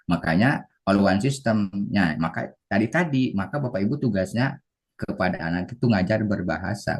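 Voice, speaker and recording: A man from West Java, giving an animated Arabic teacher-training lecture over a video call. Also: low-pitched, slightly rough. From West Java, Indonesia. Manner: animated, acts out students' voices. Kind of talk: online class lecture.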